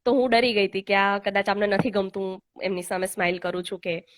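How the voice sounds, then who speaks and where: A woman's voice: medium pitch, flat delivery, fairly quick. A young adult woman hosting a casual online live chat, telling a personal story in an earnest, heartfelt way with many hesitant fillers. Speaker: host. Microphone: online live call.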